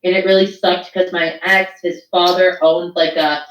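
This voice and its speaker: A woman's voice: lowish voice, level tone, moderate pace. Crude, rambling woman podcast co-host. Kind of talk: casual podcast banter. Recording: roomy echo.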